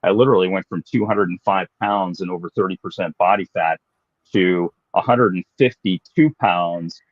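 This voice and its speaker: A man in his late fifties, a fitness professional telling his own story in a relaxed, self-deprecating way during an interview. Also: low voice, moderate pace, no echo, highs cut off. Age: 50s.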